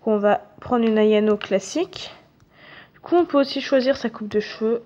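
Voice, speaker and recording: A woman's voice: fairly high pitch, normal speed, dark tone. A young woman giving casual, chatty commentary as she plays a game, self-mocking and swearing casually at it. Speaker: gaming video creator. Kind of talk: casual let's-play commentary. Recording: dull, slightly lo-fi audio.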